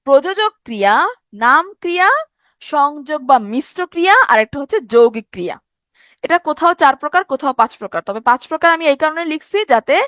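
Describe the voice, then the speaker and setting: Female teacher, high voice, dry recording, explains grammar by repetition and questions. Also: a bit bright, no echo. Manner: asks questions and answers them herself, repeats key points. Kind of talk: grammar lesson.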